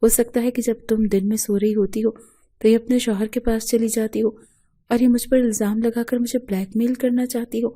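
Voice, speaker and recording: A woman's voice: a little high, level tone, dark tone, husky. A woman voicing a distraught husband who pleads and protests his innocence in a storybook reading. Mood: pleading. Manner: pleading, indignant. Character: distraught husband denying a false accusation.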